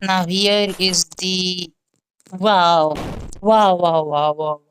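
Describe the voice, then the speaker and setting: A woman's voice: fairly low pitch, fairly even intonation, extremely slow, a little hiss or hum, rough recording. A young woman hosting a gaming channel, thinking aloud through gameplay commentary in a muttering, exasperated way.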